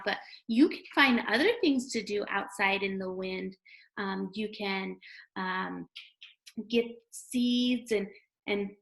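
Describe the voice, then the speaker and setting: A home-recorded read-aloud lesson comes through on a rough recording, voiced by a teacher with a medium pitch and a bit of brightness. She addresses young children in simple terms, asking questions and sounding out letters.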